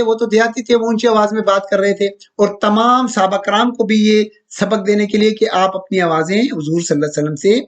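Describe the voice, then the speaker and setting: A male teacher giving a recorded slide lecture, who repeats each point, slowly draws out quoted verses and asks listeners whether they have understood. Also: sits high. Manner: checks understanding with questions to listeners. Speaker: grammar teacher.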